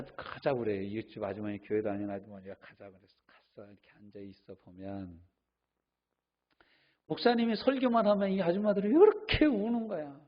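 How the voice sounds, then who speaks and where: A middle-aged male pastor preaching a sermon, asking the congregation questions and answering them himself. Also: fairly high pitch. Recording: dull lo-fi sound.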